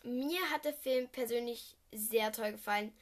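A teenage girl from Düsseldorf talks on her own casual podcast, her voice pitched high. She rambles and corrects herself, dropping giggly asides. She speaks into a simple home microphone. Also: normal speed. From Düsseldorf, Germany. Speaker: podcast host. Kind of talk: casual solo film-review podcast.

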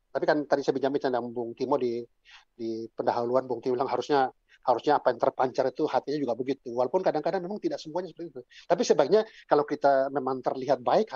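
A man's voice: mid-range voice, mellow, husky, no room sound. A male evangelist giving an informal, chatty sermon talk full of casual fillers, on a dull lo-fi recording. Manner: chatty, colloquial, frequent fillers.

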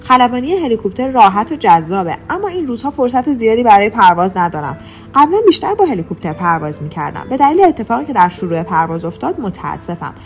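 A woman's voice: on the high side, sing-song. A woman voicing a wealthy, friendly male mentor in an audiobook, speaking in a friendly, lecturing tone. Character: wealthy, friendly older male mentor who flies a helicopter. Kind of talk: audiobook character reading.

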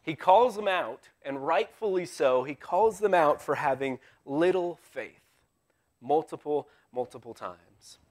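Conversational preacher man, slightly high voice. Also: animated, a little slow. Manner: conversational, wry asides; swings from loud emphasis to hushed tones. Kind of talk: live sermon. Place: church sanctuary.

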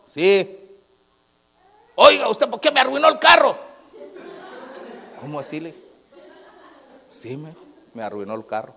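Preacher, male, animated pitch, shifts from loud preaching to hushed anecdotes, plays out the dialogue himself. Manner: swings from loud preaching to low, quiet storytelling; acts out dialogue. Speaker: pastor. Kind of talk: sermon. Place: church sanctuary.

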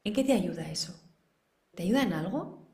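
Educadora de crianza española, tono de preguntas retóricas al público, sonido con mucha reverberación. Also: female voice, mid-range voice, lively intonation, moderate pace, mellow. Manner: asks the audience many rhetorical questions. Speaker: parenting educator. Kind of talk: live online masterclass. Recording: roomy echo.

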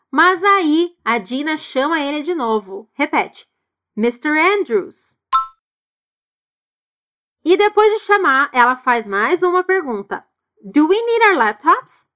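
A woman's voice: high-pitched, fairly bright tone. A Brazilian woman teaching English to Portuguese speakers, explaining grammar and having the listener repeat phrases after her. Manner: slow, deliberate modeling of English phrases. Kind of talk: language lesson with repeat-after-me drills.

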